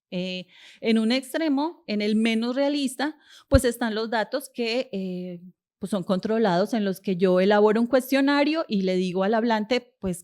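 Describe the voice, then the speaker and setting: A woman's voice: mid-range voice, a little mellow. A woman giving an academic linguistics lecture, explaining step by step with rhetorical questions and frequent hesitations.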